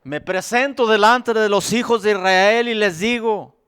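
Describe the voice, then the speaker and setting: A preacher voicing Moses as a humble, doubting shepherd who pleads in a soft, lowered voice during a sermon. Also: male voice, a little slow, clear, resonant tone.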